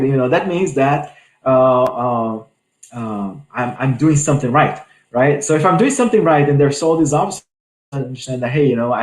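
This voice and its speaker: A spiritist speaker with a mid-range, slightly mellow voice gives an earnest talk on a scripture passage. He often repeats himself and restarts his phrases, with many fillers along the way. The recording sounds roomy and low in quality.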